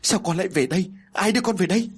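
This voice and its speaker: A man voicing a young widowed mother who cries and begs in a high, desperate voice. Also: racing, breathy edge. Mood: frightened.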